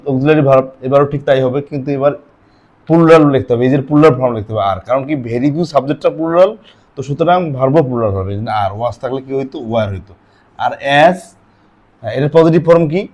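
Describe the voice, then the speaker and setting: A man's voice: medium pitch, darkish tone, lo-fi sound. A male grammar teacher, explaining rules step by step and answering his own questions. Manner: asks questions and answers them himself. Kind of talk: classroom lesson with asides and a told anecdote.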